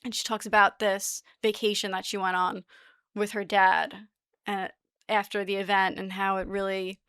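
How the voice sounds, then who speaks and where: A woman's voice: mid-range voice, little pitch movement, normal speed, a bit bright, clear, resonant tone, dry recording, studio quality. A woman vlogger chatting casually about a film and a book, often repeating words as she restarts her sentences. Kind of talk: casual chat about films and books.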